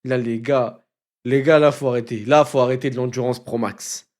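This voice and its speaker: A young man streaming himself reading a manga, reacting in excitable, slangy casual commentary with laughing asides. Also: mid-range voice, normal speed. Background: faint music.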